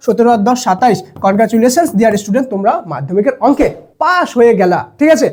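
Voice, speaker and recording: A young man teaching students quick exam tricks as a math tutor. He keeps checking in with "okay?" and answers questions he voices for the students himself. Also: extremely high pitch, darkish tone. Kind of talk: fast exam-tips lesson to students.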